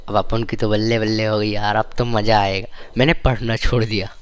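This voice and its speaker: A young man casually telling stories from his school days, with a lively, slangy, complaining manner. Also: on the low side, a little fast, slight background noise. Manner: animated, slangy, complaining storytelling. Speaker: vlogger.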